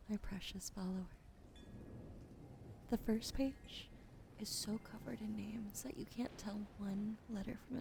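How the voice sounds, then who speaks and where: A streamer hosts a live ASMR broadcast, close to the mic, whispering softly and breathily and chatting casually in a hushed way to her viewers. Her medium-pitched voice has a slightly weak, wheezy throat quality, and there's a noisy background.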